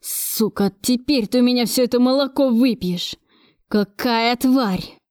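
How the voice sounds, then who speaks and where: A woman reading an audiobook, voicing a furious, gruff middle-aged male factory director who curses and shouts. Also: mid-range voice, fairly quick, no echo, clean studio sound, natural voice.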